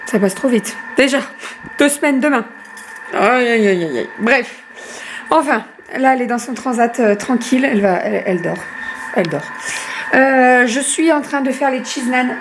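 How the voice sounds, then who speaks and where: A woman's voice: sits high, moderate pace, background noise. Chatty woman rambling in her kitchen. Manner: chatty, rambling with many hesitations and self-corrections. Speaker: family vlogger and mother. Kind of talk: casual home vlog chat. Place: home kitchen.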